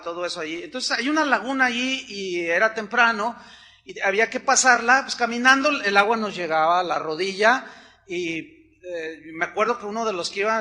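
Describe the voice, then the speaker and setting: High, bright-voiced Mexican pastor storytelling. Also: male voice. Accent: Mexican Spanish. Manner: storytelling, conversational, acts out voices of others. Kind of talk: sermon.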